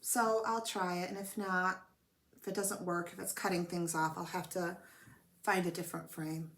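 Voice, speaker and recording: A woman with a cold hosts a casual show-and-tell stitching chat on flosstube, coughing as she rambles and jokes at her own expense. Her fairly low voice is fairly bright but flat in delivery, at a moderate pace, with a little hiss or hum. The room she records in at home has blankets over the windows.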